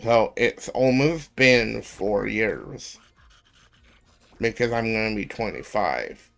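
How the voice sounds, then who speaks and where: A man in his twenties chatting casually on a live stream, rambling with lots of ums and pauses. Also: lowish voice, animated, vocal fry, a bit bright, soft background music. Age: 20s.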